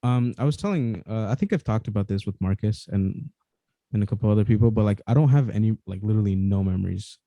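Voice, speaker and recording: A man from Mexico, talking casually on a podcast in a relaxed, hesitant way with many restarts. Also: on the low side, quick pace, dry recording.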